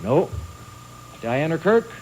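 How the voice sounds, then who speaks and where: A man hosting a quiz show, reading clues and calling on players in a brisk, teasing manner. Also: on the high side, sing-song, darkish tone, slight background noise, rough recording. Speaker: game show host.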